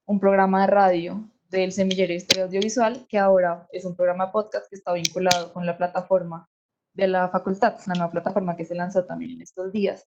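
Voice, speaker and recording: A woman's voice: lowish voice, flat delivery, fast talker, muffled recording, noisy background. A young woman from Bogotá with a Colombian accent, a history student answering a panel question reflectively, thinking aloud, over a video call. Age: young adult.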